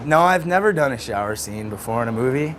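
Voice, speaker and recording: A man talking as a lead actor in a behind-the-scenes interview, relaxed and halting with many fillers. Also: medium pitch, background noise.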